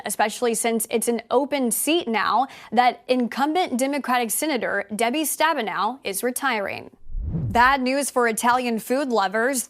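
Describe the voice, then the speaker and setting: A woman presenting news headlines as scripted narration. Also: a little high.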